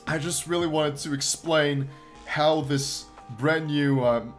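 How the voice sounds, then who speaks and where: Hoarse and worn out after a long stream, a YouTube gaming host with a slightly high voice walks viewers through a game feature in casual commentary. He stays upbeat and encouraging, laughing often and clearing his throat frequently.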